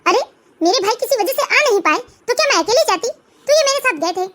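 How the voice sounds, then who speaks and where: A woman's voice: very high voice, lively intonation, fast, heavy background noise, voice pushed up. A woman voicing a young daughter-in-law who talks back defensively in a cartoon family drama. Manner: pleading, defensive.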